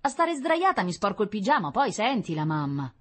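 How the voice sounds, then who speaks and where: A woman's voice: medium pitch, sing-song, a little fast, a bit bright, pitched above the performer's own voice. Woman doing a whiny little girl's voice. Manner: whiny, bossy. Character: fussy chatty little girl.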